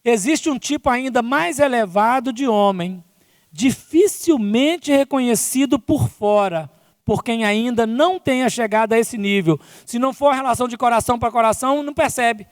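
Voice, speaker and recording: A man's voice: extremely high pitch, moderate pace, clean studio sound. A man with a Brazilian accent giving a spiritist lecture at a conference, often tagging his sentences with "né?" and "não é?". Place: conference hall. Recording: long reverb from a big hall.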